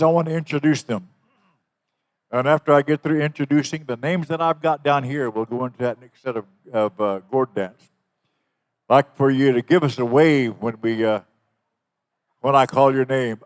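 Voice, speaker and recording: An older man working as a powwow emcee, making folksy, unhurried announcements to the gathering. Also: a little high, long reverb tail. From Dallas, United States.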